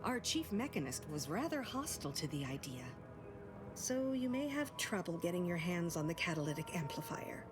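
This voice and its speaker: An actress playing a prim, sardonic scientist in a video game, speaking with dry precision. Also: female voice, on the low side, big pitch swings, moderate pace, over music. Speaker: game character.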